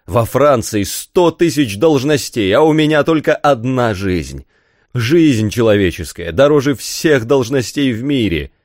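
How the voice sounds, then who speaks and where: A man reading aloud voices a tormented, volatile young man who breaks into strained shouting. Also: on the low side, big pitch swings, normal speed, no echo, studio quality. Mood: furious. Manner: outbursts of raised, strained shouting.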